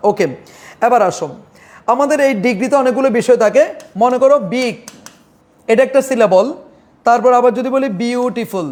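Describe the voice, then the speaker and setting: Bangladeshi male tutor, young, very high voice, drilling grammar rules by repeating them and quizzing the class, stretching out example words. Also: fairly quick, long pauses, a little mellow. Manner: repeats key points and asks questions then answers them himself. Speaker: English teacher. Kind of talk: live online grammar lesson.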